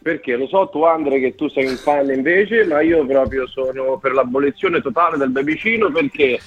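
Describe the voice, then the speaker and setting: A man's voice: mid-range voice, normal speed. Wry man calling in on the phone. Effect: over a landline phone. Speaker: caller. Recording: dull phone line.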